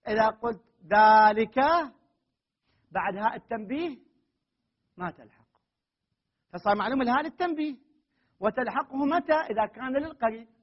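High-voiced husky male teacher. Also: normal speed, pauses often. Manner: questions the students often, corrects them firmly. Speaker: grammar teacher. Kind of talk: classroom lesson on Arabic grammar. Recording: muffled, dull classroom recording.

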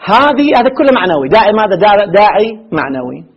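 A man teaching grammar to a class, asking rhetorical questions and repeating examples slowly. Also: high-pitched, sing-song, husky. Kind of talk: classroom lecture on Arabic morphology. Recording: muffled lo-fi lecture recording.

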